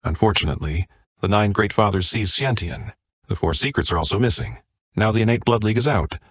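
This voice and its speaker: A man narrating a comic story recap in a flat, even reading style. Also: lowish voice, a little fast, no room sound, clean studio sound.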